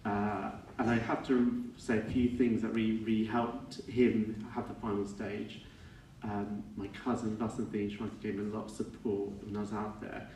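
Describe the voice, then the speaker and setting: A middle-aged man giving an informal funeral speech as a son, halting and reflective, often correcting himself as he goes. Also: fairly low pitch, little pitch movement, a little mellow. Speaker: son giving a eulogy for his father. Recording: echoey room, distant mic, faint noise.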